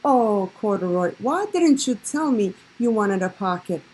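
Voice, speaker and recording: A woman voicing a fond, earnest little girl in a storybook, affectionate and gently scolding. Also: mid-range voice, expressive, a little slow, slightly rough, rough recording.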